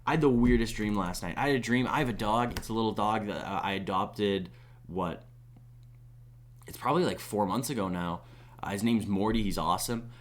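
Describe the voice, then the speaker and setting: A man's voice: on the low side, fairly quick, a little hiss or hum. A young man giving live esports commentary in a chatty, rambling way, taking asides between plays. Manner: chatty, rambling asides, animated when excited. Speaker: esports caster.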